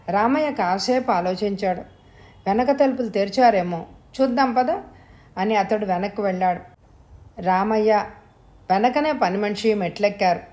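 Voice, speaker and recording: A woman reading a suspense story aloud as a steady, scripted narration. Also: mid-range voice. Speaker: audio story reader.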